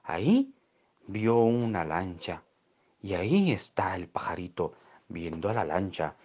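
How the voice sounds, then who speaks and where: A man telling a children's story at an unhurried, deliberate pace. His pitch rises and falls widely as he draws out words for effect. Expressive, storybook narration. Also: slightly rough.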